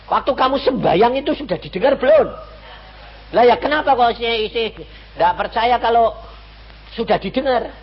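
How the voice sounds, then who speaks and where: A man's voice: high-pitched, lo-fi sound. An older man with a Javanese accent preaching a sermon in a conversational way, full of rhetorical questions. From Central Java, Indonesia.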